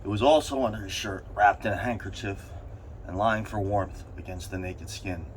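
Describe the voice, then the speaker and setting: A man's voice: fairly low pitch, moderate pace. A man reading a story aloud, with strained bursts of emphasis. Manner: strained bursts of emphasis, as if sitting in an ice bath. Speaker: reader of a short story. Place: in an ice bath. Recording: steady background noise.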